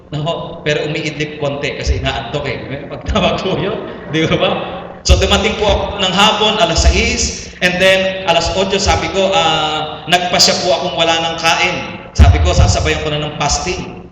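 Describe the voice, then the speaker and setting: A man's voice: fairly high pitch, fairly bright tone. A middle-aged Filipino man preaching a sermon, telling his own testimony and addressing the congregation as brothers and sisters. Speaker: pastor. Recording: echoey hall, voice from far off, faint room noise.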